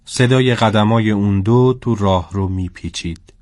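A man narrating a story in a steady, scripted storybook style. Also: fairly low pitch, no room sound, clean studio sound.

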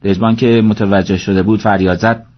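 A man narrating an audiobook story in a steady, measured reading voice, in a dull lo-fi recording. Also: lowish voice.

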